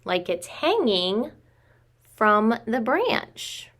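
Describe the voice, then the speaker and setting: Speaking extremely slowly in a slightly high, sing-song, a bit bright voice, a thirtysomething preschool teacher walks young children through a craft. She's in a small room at home and talks to them simply, as friends.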